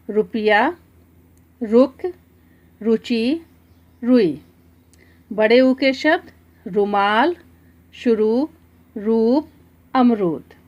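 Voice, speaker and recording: A woman teacher explaining a lesson to children, slowly drawing out example words one by one. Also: a little high. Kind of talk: slow, deliberate classroom explanation.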